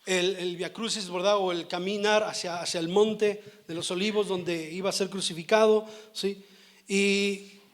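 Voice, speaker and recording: A male pastor preaching a sermon, often pausing to ask the congregation for an amen. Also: high voice, fairly even intonation. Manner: repetitive, calls for amens and answers.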